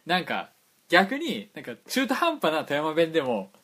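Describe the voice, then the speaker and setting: A man's voice: a little high, wildly swooping pitch, normal speed, bright, forceful tone, husky. A man with a Toyama accent co-hosting a casual radio chat, rambling and often restarting his words. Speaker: radio show co-host.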